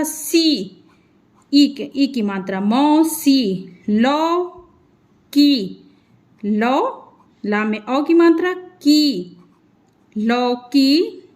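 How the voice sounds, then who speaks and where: A woman teacher giving a reading lesson for children, spelling out syllables slowly and patiently and stretching each word. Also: sits high, a little mellow. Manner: patient explaining.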